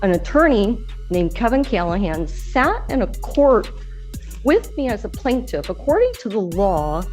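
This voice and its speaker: A woman's voice: medium pitch, very animated, unhurried, a little mellow, soft background music. A woman addressing a judge as a litigant in a courtroom recording, rambling in stiffly formal wording.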